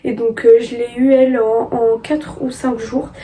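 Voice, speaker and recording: A young woman chatting casually about her sewing haul, halting often with fillers and restarts. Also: on the high side, little pitch movement, dark tone. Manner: hesitant, many fillers and restarts. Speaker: sewing vlogger.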